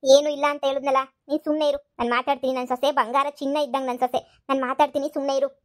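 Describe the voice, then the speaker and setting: A woman's voice: high voice, level tone, rapid-fire, lightly acted. A woman voicing a stubborn older village mother-in-law who scolds and repeats herself. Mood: bossy. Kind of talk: cartoon voice acting.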